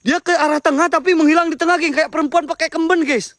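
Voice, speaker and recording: A man's voice: extremely high pitch, fairly even intonation, fast, a bit bright, no echo, clean studio sound. A man hosting a night ghost-hunting vlog outdoors, nervously addressing viewers and repeating himself. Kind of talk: excited live night exploration commentary. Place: outdoors at night in a rural area.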